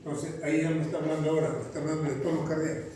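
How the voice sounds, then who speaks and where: A man's voice: on the high side, flat delivery, rapid-fire, crowd noise. A man lecturing a class, questioning his students rhetorically and checking in with frequent "right?" tags. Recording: echoey classroom recorded from far off.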